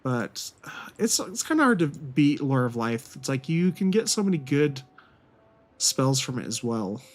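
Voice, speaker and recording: A man's voice: mid-range voice, big pitch swings, a little slow. A man thinks aloud in casual commentary as he plays a strategy game. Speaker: gaming video host.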